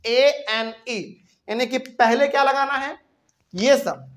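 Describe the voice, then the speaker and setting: A man's voice: very high-pitched, slow pace, a bit bright. Hindi-speaking man teaching chemistry. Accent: Bihari Hindi. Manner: explains step by step, asks the class questions. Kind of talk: whiteboard chemistry lesson.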